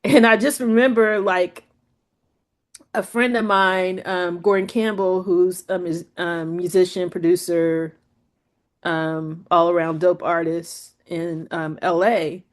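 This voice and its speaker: Chatty woman telling her story. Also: slow pace. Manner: chatty, full of "like" and "you know"; acts out quoted speech with lively pitch jumps. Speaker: guest photographer. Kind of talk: casual interview storytelling.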